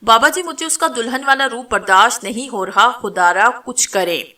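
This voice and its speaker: A woman's voice: a little high, bright, forceful tone. A woman voicing a lovesick, desperate young snake-woman in a spoken horror story, pleading tearfully.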